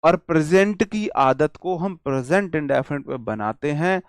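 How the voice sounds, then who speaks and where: A man from India teaching an English grammar class, speaking slowly and emphatically, drawing out example words and asking questions he answers himself. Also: on the high side, lively intonation, clear, resonant tone, no echo, studio quality. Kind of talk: classroom lecture.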